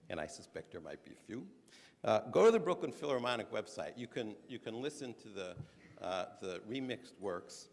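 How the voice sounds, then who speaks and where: This conference speaker, a man with a mid-range voice, gives a prepared address that is earnest, measured and emphatic, now and then starting a phrase over. The sound carries the long reverb of a large conference hall.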